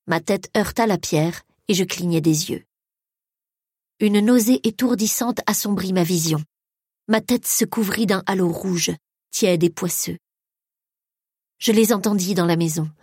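A woman narrates a first-person story at an unhurried, measured pace. Her voice is husky, at a middle pitch. The recording is dry and close, with no room sound. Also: darkish tone, dry recording. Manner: slow, measured reading. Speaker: audiobook narrator.

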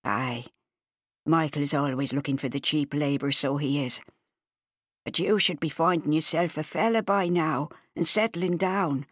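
A woman's voice: sits low, normal speed, slightly rough, no room sound, studio quality. A woman reading an audiobook, voicing a kindly, chatty old traveller woman, homely and motherly.

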